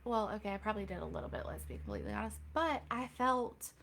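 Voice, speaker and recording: A woman's voice: medium pitch, expressive, fast, gravelly, fairly bright tone, slight background noise. A woman hosting a casual live Q&A stream, talking candidly with chatty, self-deprecating asides. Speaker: reiki healer hosting a live Q&A.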